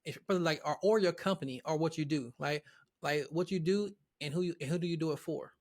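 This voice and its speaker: A man's voice: fairly high pitch, a little fast, darkish tone. A man who is a guest on an interview show, talking casually about his platform with many restarts and repeated words. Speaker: guest, real estate platform founder.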